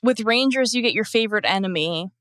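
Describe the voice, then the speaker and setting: Woman, podcast co-host, playful, teasing, casual swearing, mid pitch, dry close sound. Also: lively intonation, fast talker, a bit bright, no room sound. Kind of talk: casual chat.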